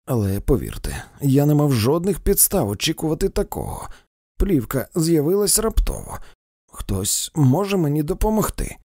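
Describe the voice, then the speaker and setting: A man's voice: a little high, huge pitch swings, dark tone, dry recording, clean studio sound, pitched above the performer's own voice, heavily acted. A man reading a grave, muttering doctor. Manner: measured, muttering. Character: middle-aged male doctor, measured and defensive.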